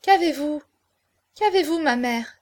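A woman's voice: sits high, expressive, a little slow, pitched above the performer's own voice. A woman reading aloud, voicing an anguished, proud young woman with an intense manner in an audiobook. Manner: intense, pleading then haughty.

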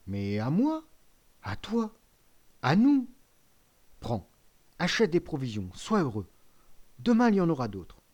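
A man's voice: a little high, big pitch swings, moderate pace, long pauses, darkish tone. A man reading an audiobook, voicing an eager, earnest young sailor devoted to his father. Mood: anxious, pleading. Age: 20s. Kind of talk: audiobook character voice.

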